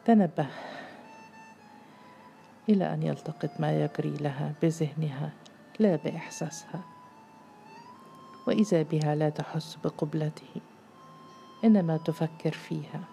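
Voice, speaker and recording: Woman reading a story, low dark voice, gravelly, measured and intimate, faint music under it. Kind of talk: literary story narration.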